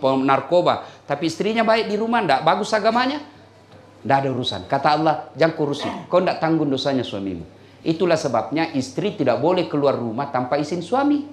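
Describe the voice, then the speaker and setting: A male Islamic preacher with a Makassar Indonesian accent, giving a humorous sermon in an animated, jokey way and often laughing as he talks. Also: on the high side, brisk, reverberant.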